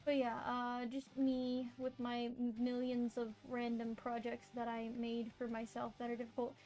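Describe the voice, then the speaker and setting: A woman chats casually on a live stream in a distinctly high voice. Her delivery is cute and bubbly, in the manner of an anime streamer. Music plays softly behind her. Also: monotone, normal speed, low-quality recording. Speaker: VTuber streamer and artist. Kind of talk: casual live stream chat while drawing.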